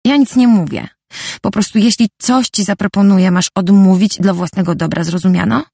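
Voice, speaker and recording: A woman reading an audiobook, voicing the narrator's protective, bossy female friend with a slightly higher, insistent voice. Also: normal speed, creaky, a little mellow, slightly rough, dry recording, clean studio sound. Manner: insistent, warning tone.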